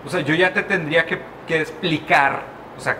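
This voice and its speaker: A man's voice: on the high side, steady tone, normal speed, bright, forceful tone, slight background noise. A man from Brazil in a casual chat, reflective and thinking aloud with many restarts.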